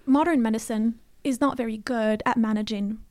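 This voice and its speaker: A woman from Morocco speaking as an academic guest in an interview, thoughtful, with many pauses and fillers. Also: on the high side, a little mellow, dry recording. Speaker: guest, assistant professor of French. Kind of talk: conversational interview.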